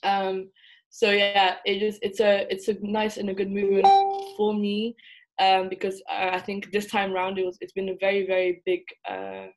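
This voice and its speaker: Young woman from England, student guest, thoughtful and halting, on a call. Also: medium pitch, faint music behind, rough recording. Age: young adult. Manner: thoughtful, many fillers and restarts. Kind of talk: casual conversation.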